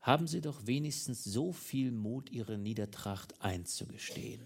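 A man reading an audiobook, voicing a furious, contemptuous betrayed husband who shouts at his rival. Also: medium pitch, expressive, normal speed. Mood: seething.

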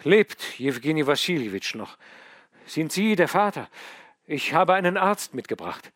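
A man's voice: a little high, big pitch swings, a bit bright, dry recording, clean studio sound, voice pushed up. A man voicing an urgent, composed noblewoman. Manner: brisk, urgent questions.

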